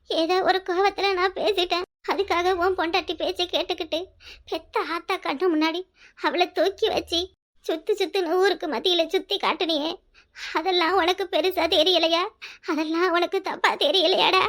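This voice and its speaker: A woman's voice: very high-pitched, a bit bright. A woman voicing an aging village mother with a southern Tamil village dialect, reproachful and pleading with her son in a cartoon. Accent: southern Tamil Nadu village dialect. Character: aging village mother, grief-stricken and scheming. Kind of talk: cartoon voice acting.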